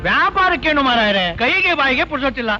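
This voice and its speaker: A put-upon restaurant owner who mutters sarcastic asides about his rowdy customers. His voice is very high and bright. The old film audio is muffled, with faint hiss. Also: animated, fast, soft background music, heavily acted. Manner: grumbling under his breath, sarcastic. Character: put-upon middle-aged man running a restaurant, sarcastic and grumbling. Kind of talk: 1980s film acting. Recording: dull old film soundtrack.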